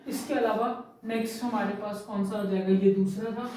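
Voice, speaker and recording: A woman chemistry teacher gives a classroom lecture mixing Hindi and English, explaining step by step and often checking students follow with frequent "theek hai". Her voice is medium-pitched and dark, with fairly even intonation and a moderate pace. The rough recording has heavy reverb and a distant mic.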